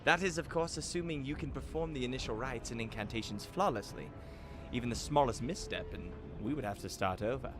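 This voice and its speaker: Measured scholar-mage read by a man, archaic diction, steady music underneath. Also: mid-range voice, natural voice. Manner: stately, archaic phrasing. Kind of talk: reading game dialogue aloud.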